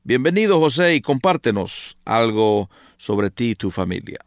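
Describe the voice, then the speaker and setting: A man hosting a radio interview, asking gentle, probing questions and affirming his guest with short interjections. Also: mid-range voice, very animated, normal speed, no room sound, studio quality. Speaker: radio host.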